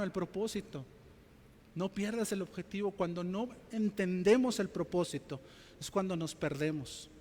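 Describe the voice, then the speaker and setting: A man's voice: sits high, long reverb tail. A male pastor preaching a sermon to his church, telling stories and acting out quotes, often calling out to his brothers and sisters. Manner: storytelling preacher, acts out quotes, addresses "mis hermanos".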